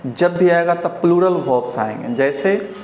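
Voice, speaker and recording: Man teaching pronunciation, Bihari Hindi accent, slightly high voice, repeats each word slowly, echoey room. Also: expressive, darkish tone, a little hiss or hum. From India. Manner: explaining slowly, repeating words for learners. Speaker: English teacher. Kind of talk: pronunciation lesson.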